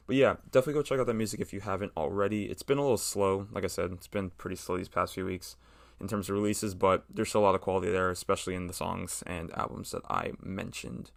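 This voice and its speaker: A man's voice: deep voice, creaky, fairly bright tone, no echo. A man hosting a casual solo music review podcast from a room in a house, rambling with lots of fillers and self-corrections. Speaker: podcast host.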